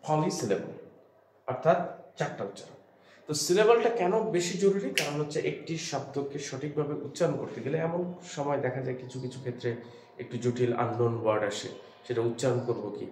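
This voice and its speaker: A male teacher with a Bengali accent walks learners through a lesson step by step, dropping English phrases into his Bengali. The room gives his voice a clear echo. A faint hum sits behind him. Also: mid-range voice, normal speed, a little mellow. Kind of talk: classroom lesson.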